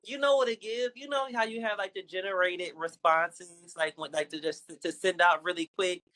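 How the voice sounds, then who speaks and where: A woman co-hosting a casual reality TV recap, animated and quick to mimic the cast. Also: fairly low pitch. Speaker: podcast co-host.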